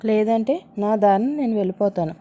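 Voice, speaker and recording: A woman's voice: mid-range voice, fairly quick, mellow, natural voice. A woman voicing a bold, scheming young woman who talks in a pushy, commanding way. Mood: threatening.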